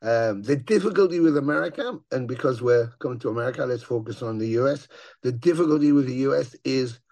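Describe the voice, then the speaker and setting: Gravelly, swearing man. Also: mid-range voice, fast, dry recording. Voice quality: gravelly growl. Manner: swearing, animated storyteller who acts out voices. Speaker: touring metal musician, guest. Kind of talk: casual interview chat.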